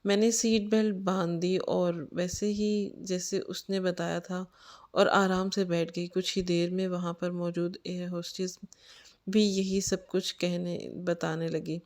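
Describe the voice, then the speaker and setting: A woman's voice: lowish voice, level tone, a little mellow. A woman narrating a story in the first person, earnest and anxious.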